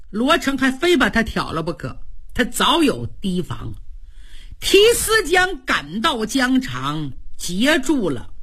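A woman performing a traditional story with lively, dramatic narration. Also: mid-range voice, slightly rough.

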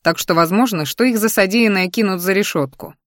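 A woman's voice: mid-range voice, brisk, fairly bright tone, dry recording, studio quality, natural voice. A woman reading the part of a nervous, earnest young man who is courting the heroine in a storybook.

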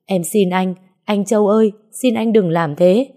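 A woman's voice: medium pitch, normal speed, warm tone, natural voice. A woman voicing a devoted young woman in an audio story who coaxes and pleads. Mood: desperate pleading. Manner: pleading, coaxing.

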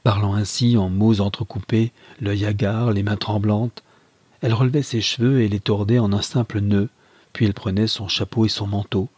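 A man narrating a classic novel in a measured, even storytelling manner. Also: fairly low pitch, breathy edge, no echo. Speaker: audiobook reader.

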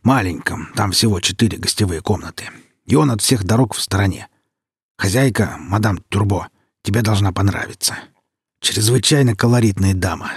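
A man's voice: fairly low pitch, normal speed, slightly rough, dry recording, studio quality. A man reading as a persuasive, easygoing fixer. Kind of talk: audiobook character reading.

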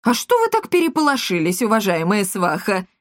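A woman's voice: medium pitch, wildly swooping pitch, fairly quick, no echo, studio quality. A woman voicing a cheerful, boastful and clueless father who is pleased with himself. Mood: jolly.

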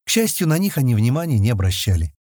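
Husky-voiced male audiobook narrator. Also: mid-range voice, sing-song, fast talker, darkish tone, no room sound, studio quality. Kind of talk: scripted narration.

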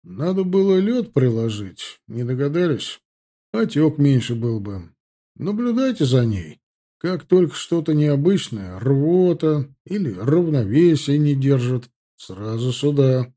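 A man voicing a gruff, sardonic middle-aged hospital doctor who barks and teases in a brusque way. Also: mid-range voice, sing-song, measured pace, dark tone. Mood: brisk. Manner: barking, teasing, brusque.

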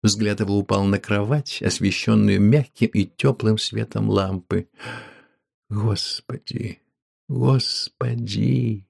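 A man narrating a story in a measured, unhurried audiobook reading. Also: fairly low pitch, fairly even intonation, creaky, a little mellow. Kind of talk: scripted narration.

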